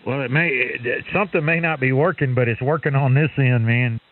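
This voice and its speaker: A man's voice: mid-range voice, brisk. A man running a ham radio net, easygoing and folksy, calling the others brother. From Texas. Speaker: net control operator. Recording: tinny radio with loud hiss.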